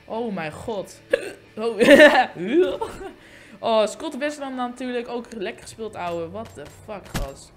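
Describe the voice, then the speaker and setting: Excitable hiccuping young gamer. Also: male voice, high-pitched, soft background music. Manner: excitable, swearing, quick exclamations. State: has the hiccups, voice cracking. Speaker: gaming YouTuber. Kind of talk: live gameplay commentary. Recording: game gunfire noise in background.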